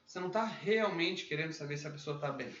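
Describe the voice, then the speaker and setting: A man giving a casual video lesson on Mandarin, explaining patiently, checking in often with his viewers, and drawing out sample syllables slowly when he demonstrates tones. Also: a little high, a bit bright. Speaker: Mandarin teacher. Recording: roomy, dull lo-fi sound from a distance with faint background noise.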